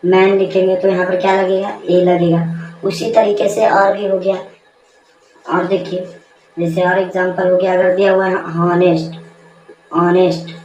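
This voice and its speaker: A woman's voice: medium pitch, a little mellow, lo-fi sound. A woman teaching a grammar lesson at a board, repeating key terms and asking and answering her own questions. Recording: echoey room, mic far off, faint noise.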